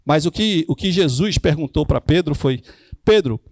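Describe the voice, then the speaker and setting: Gravelly Northeastern Brazilian man teaching. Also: on the high side, moderate pace, a little mellow, no echo. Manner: preachy, acts out dialogue. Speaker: discipleship teacher. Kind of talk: church class teaching.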